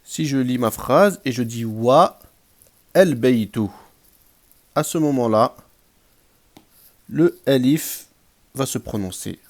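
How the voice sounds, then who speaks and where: A man's voice: mid-range voice, unhurried, long pauses. A man teaching an Arabic grammar lesson, patiently repeating examples and checking in with his listeners.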